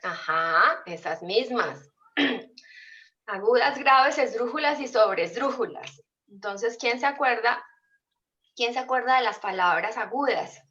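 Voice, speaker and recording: A woman's voice: fairly high pitch, expressive, slow pace, bright, forceful tone, lo-fi sound. A woman teacher giving an online class, explaining patiently and often asking her students questions.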